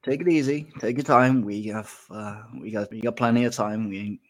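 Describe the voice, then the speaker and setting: A man's voice: on the low side, moderate pace. Man, 30s, podcast host, laid-back rambling chat, lots of ums. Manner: relaxed, rambling, frequent fillers. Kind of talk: casual livestream chat.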